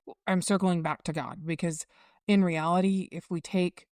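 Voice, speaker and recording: Low-voiced woman musing on faith. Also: steady tone, moderate pace, a little mellow, no room sound, studio quality. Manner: reflective, circling back, teaching tone. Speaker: podcast co-host. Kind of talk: casual faith chat.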